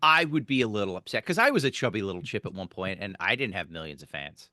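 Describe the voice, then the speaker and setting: A man co-hosting a casual podcast chat, animated and jokey, rambling with lots of restarts. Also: fairly low pitch, quick pace, no room sound, studio quality. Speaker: podcast co-host.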